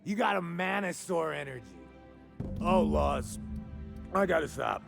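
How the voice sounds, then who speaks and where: Brief: tipsy braggart guard, gravelly, slow and slurring, swoops all over in pitch. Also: male voice, lively intonation, music in the background, exaggerated voice. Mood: tipsy rambling. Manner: slurring, giddy, rambling. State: drunk. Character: drunk boastful young male bodyguard.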